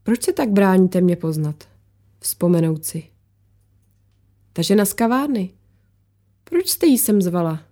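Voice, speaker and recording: A woman reading as a calm, mysterious visitor. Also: mid-range voice, long pauses, natural voice. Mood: knowing. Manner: calm, matter-of-fact, knowing.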